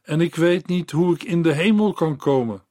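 A man's voice: on the high side, moderate pace, darkish tone, no room sound, pitched above the performer's own voice, lightly acted. A frightened woman on her deathbed, anguished and remorseful, crying out in a lifted voice, as a male narrator puts her on. The storybook reading is close and dry.

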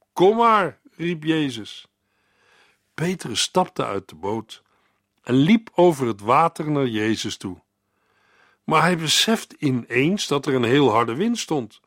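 A man giving a measured, earnest Bible reading with devotional commentary, speaking directly to the listener. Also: mid-range voice, no echo, studio quality. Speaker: radio Bible teacher.

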